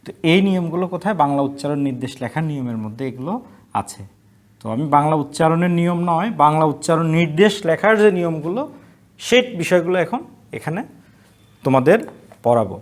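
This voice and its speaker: Male college lecturer, slightly high voice, explanatory, asks and answers his own questions. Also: animated, fast. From Bangladesh. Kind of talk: online class lecture.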